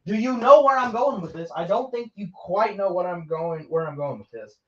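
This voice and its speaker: A man's voice: high-pitched, expressive, moderate pace, darkish tone, muffled recording. A man casually commenting while he builds with Lego, rambling and joking at himself as he works. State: tired.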